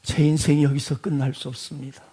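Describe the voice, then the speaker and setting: A male pastor preaching a sermon, swinging between quiet asides and shouted pleading. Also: a little high, flat delivery, fast, husky.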